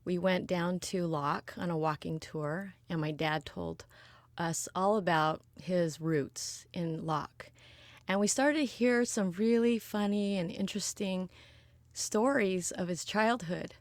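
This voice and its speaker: Unhurried woman in her forties. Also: fairly low pitch, no room sound. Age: 40s. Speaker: interviewer. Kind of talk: oral history interview. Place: quiet recording booth.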